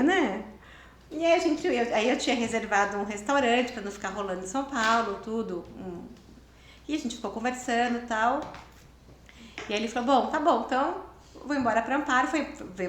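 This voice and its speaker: A woman around fifty with a Brazilian Portuguese accent, a guest in an interview who tells her story in a casual, animated way and acts out the dialogue. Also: a little high, a little hiss or hum. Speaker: interview guest, writer and lawyer. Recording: roomy echo.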